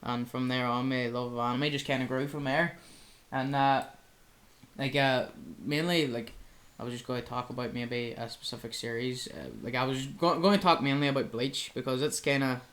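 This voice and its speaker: A man's voice: medium pitch, steady tone, moderate pace, fairly bright tone. A young man, co-hosting a casual chat and rambling with lots of filler words. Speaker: podcast co-host.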